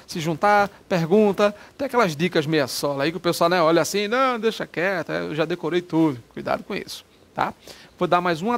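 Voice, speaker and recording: A man giving an informal grammar lesson on video, chatty and often checking that the viewer is following. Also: on the high side. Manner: chatty, asks for agreement often. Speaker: Portuguese grammar teacher.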